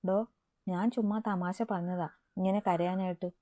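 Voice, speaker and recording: Woman reader doing a teasing young lover in a storybook romance, soft low tone. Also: fairly even intonation, moderate pace, dry recording, studio quality, natural voice. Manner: playful, teasing. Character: teasing young man in love.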